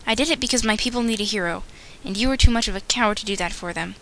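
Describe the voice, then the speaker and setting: A young woman voicing a defiant young female wolf who speaks fast and heated. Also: mid-range voice, pushed and bright, a little hiss or hum, natural voice, low-quality recording.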